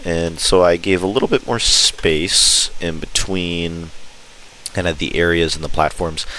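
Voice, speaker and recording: A man with a deep voice talks viewers through a game in a casual, informal way. He sounds enthusiastic as he explains things. There is audible noise in the recording behind him. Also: a bit bright, rough recording. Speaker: video host. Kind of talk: casual gameplay walkthrough commentary. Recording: clear background noise.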